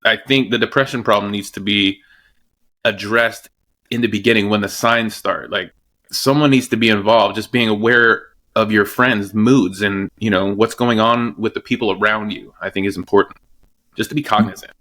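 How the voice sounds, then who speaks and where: A man's voice: fairly low pitch, fairly even intonation, normal speed, pushed and bright. A man hosting a podcast conversation, speaking in a thoughtful, affirming way. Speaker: podcast host.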